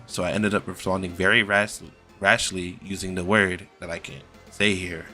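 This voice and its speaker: Low-voiced young man, somber scripted apology. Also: pushed and bright. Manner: serious, measured, stumbles over read words. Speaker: online content creator.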